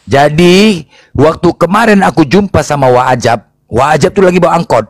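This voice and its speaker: A man, arguing in a heated voice-chat debate, lecturing and mocking with repetitive, forceful phrasing. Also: a little high, lively intonation, moderate pace, no room sound, studio quality. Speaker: debate responder.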